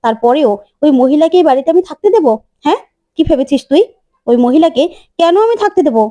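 A woman doing a domineering older matriarch who scolds and rails at her family. The voice sits high but sounds mellow, with a dry, close sound. The character comes through in a serial recap told aloud. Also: lively intonation, fast, dry recording, lo-fi sound. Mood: angry. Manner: scolding, indignant. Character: angry older mother-in-law, domineering matriarch.

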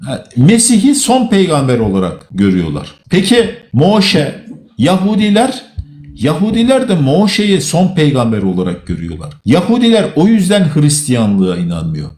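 A man with a fairly high, lively voice, lecturing callers in a religious debate. He argues point by point and repeats key words for stress. The sound is roomy and echoey. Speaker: host. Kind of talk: live online religious debate.

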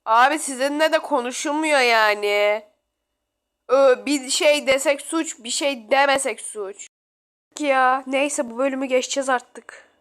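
A woman's voice: high-pitched, unhurried, a bit bright, clean tone. A young woman commentating a life simulation game, chatting casually and complaining in an exasperated, joking way. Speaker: gaming channel host.

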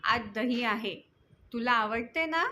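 Stern scolding mother, read by a woman, high voice, bright tone, firm and commanding. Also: slow pace, a little hiss or hum. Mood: gentle. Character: stern village mother scolding her son.

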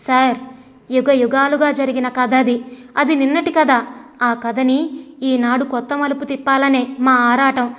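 A woman reading the lines of a calm, reform-minded woman who speaks gently and persuasively, in a storybook reading. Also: sits high, normal speed, in a large hall. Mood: earnest.

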